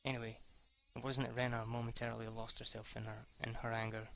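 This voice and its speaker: A man of medium pitch reads a visual novel aloud fast and completely flat, with vocal fry and background noise behind him. As an amateur let's player, he stumbles over words and rereads lines, reacting spontaneously with casual profanity.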